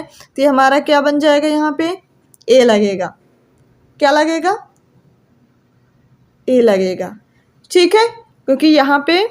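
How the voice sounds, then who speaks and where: A young woman with a Hindi accent giving a classroom grammar lecture, repeatedly asking questions and answering them herself. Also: high voice. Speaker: English grammar teacher.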